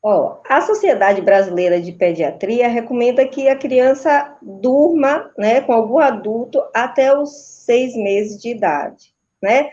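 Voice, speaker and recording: Over dull, lo-fi video call audio, a Brazilian woman with a mellow, slightly high voice explains things at a measured pace. A maternal and child sleep consultant, she gives didactic interview answers with her Brazilian Portuguese accent and leans on frequent tag questions.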